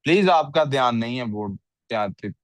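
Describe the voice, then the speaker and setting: A man's voice: medium pitch, lively intonation, moderate pace, dry recording. A male English teacher on a video call, reviewing student writing and questioning the class, mixing English into his speech. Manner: questions the class often, mixes English into Urdu.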